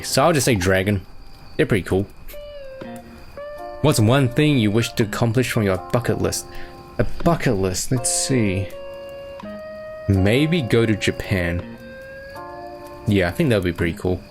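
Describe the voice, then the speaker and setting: Young male host, low-ish voice, relaxed rambling Q&A, steady music underneath. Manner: easygoing, rambling, lots of fillers. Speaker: channel host answering fan questions. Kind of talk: casual chat. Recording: music playing behind.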